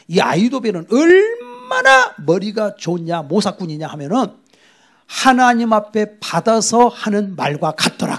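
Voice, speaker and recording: A man's voice: high-pitched, vocal fry, a bit bright. A middle-aged man preaching a sermon as a pastor, telling the story dramatically, acting out voices and dropping to whispers.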